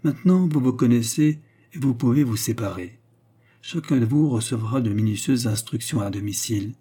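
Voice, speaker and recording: A man voicing a polite young gentleman rogue who speaks in a deferential, composed way. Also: mid-range voice, normal speed, slightly rough, lightly acted. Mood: instructing.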